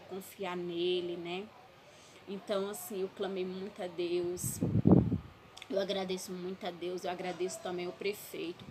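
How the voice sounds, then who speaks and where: Woman giving earnest testimony. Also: on the low side. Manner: emotional, earnest, frequent "né?". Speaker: testimony speaker. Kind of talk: personal faith testimony. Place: her bedroom. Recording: loud background noise.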